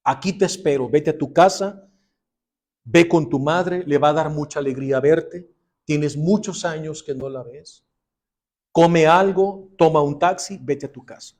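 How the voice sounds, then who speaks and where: Guy teaching bible class, kinda high voice, tells the story with feeling, goes real quiet on the heavy parts. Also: a little slow. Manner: dramatic retelling, dropping to a hushed voice for emotional lines.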